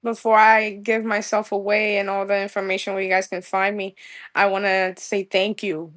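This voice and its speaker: A bubbly young guest musician from New York chats in a podcast interview, gushing freely in a New York accent and dropping plenty of street slang. Her voice sits in an ordinary middle register for a woman, fairly bright, at a moderate pace, though her delivery is completely flat.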